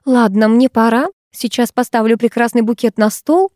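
A woman's voice: on the high side, normal speed, darkish tone, no room sound, clean studio sound, voice pushed up, close to an everyday voice. A woman voicing a fussy, proud middle-aged chemistry teacher who coos and gushes over her favorite pupil, in an audiobook reading. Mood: gushing. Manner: cooing, solemn, gushing.

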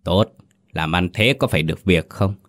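A man's voice: low-pitched, moderate pace, natural voice. A man voicing a cruel, scheming second wife of a landlord, giving cold and contemptuous orders in a storybook tale. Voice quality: cold, hissing threats. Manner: contemptuous, commanding.

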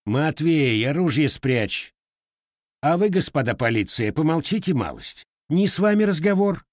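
A gruff old cossack chief barking orders, big swinging voice, dry close sound, as a male reader puts him on. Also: fairly high pitch, sing-song, unhurried, no echo, pitched above the performer's own voice. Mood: furious. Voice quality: commanding, barking.

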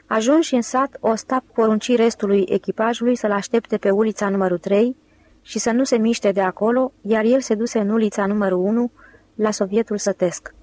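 A woman reading a novel aloud as an audiobook narrator, in a steady, even voice on a close mic. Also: a little high, rough recording. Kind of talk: scripted narration.

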